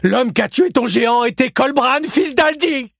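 Guy doing a panicky ship's pilot yelling in a squeaky voice, husky and raspy. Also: lively intonation, moderate pace, no echo, studio quality, heavily acted. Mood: panicked shouting. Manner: shrill with rising fear, shouting. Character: frightened middle-aged male ship's pilot. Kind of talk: audiobook character voice.

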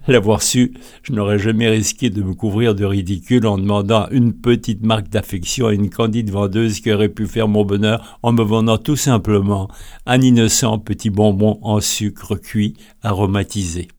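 A man's voice: on the low side, steady tone, moderate pace, a little mellow. A man from France with a French accent, telling humorous stories in a wry, literary, playful way. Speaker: storyteller. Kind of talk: humorous storytelling monologue.

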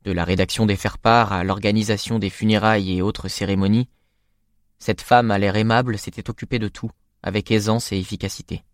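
Male audiobook narrator, low voice, calm measured reading, dry close sound. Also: dry recording. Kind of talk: scripted narration.

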